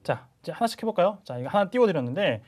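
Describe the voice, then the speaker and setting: A man's voice: high-pitched, sing-song, quick pace, darkish tone, husky. A male English instructor giving a video lecture on listening and word stress, chatty, often checking in with learners and sometimes exaggerating sentences to demonstrate stress. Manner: chatty teacher, frequent "자" and "그죠?" check-ins, sometimes exaggerated demo reading.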